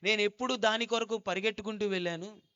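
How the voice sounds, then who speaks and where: A repentant young man, stunned and weeping over his own change, as a male preacher puts him on. His cries rise high and pleading. The recording is dull and lo-fi. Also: steady tone, fast talker, sharp tone, clear, resonant tone. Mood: anguished.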